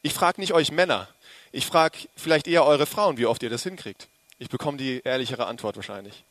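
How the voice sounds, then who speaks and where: A man preaching a sermon to a congregation, lively and joking, speaking to them directly. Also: mid-range voice, a little fast, no room sound.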